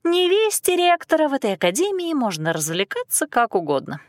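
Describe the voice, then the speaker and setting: A sharp-tongued young woman drawls mocking jabs, as a woman reader puts her on. Her pitch swings widely and the sound is dry. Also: huge pitch swings, brisk, no echo.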